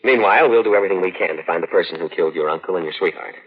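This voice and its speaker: An avuncular police investigator in a vintage radio mystery. His voice is deep and rough, talking quickly in a patronizing, folksy way. The sound is muffled. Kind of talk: 1940s radio suspense acting. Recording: muffled old radio broadcast.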